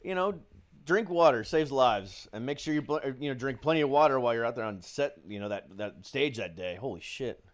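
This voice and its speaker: A man's voice: medium pitch, lively intonation, fairly quick. A man in his forties hosting a casual podcast chat, laid-back, swearing and laughing often. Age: 40s. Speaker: podcast host.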